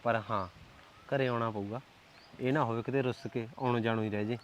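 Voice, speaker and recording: A man's voice: medium pitch, steady tone, fairly quick, muffled recording, slight background noise, lightly acted. A young actor with a Punjabi accent playing a boyfriend who coaxes and soothes his angry girlfriend. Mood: coaxing. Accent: Punjabi (Malwa). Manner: coaxing, soothing. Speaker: actor in a short film.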